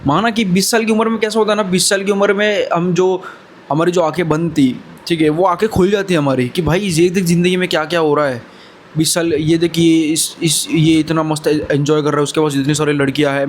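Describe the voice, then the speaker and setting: A man's voice: fairly high pitch, steady tone, a little fast, slight background noise. A man in his twenties giving earnest, brotherly motivational advice in a casual talk to camera. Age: 20s. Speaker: vlogger.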